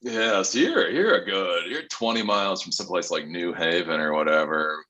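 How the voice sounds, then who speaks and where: A man hosts a loose open mic show over a video call, and his voice sits very low with a husky grain. He talks bluntly and swears freely. He chats casually with his callers. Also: animated, moderate pace, bright, forceful tone, low-quality recording. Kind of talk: casual chat.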